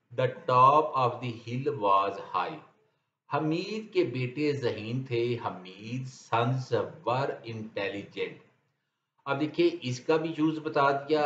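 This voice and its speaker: A man with a Pakistani Urdu accent teaching English grammar in a lecture, reading his example sentences very slowly and deliberately. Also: mid-range voice, fairly bright tone, slight background noise. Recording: dull, roomy lecture recording.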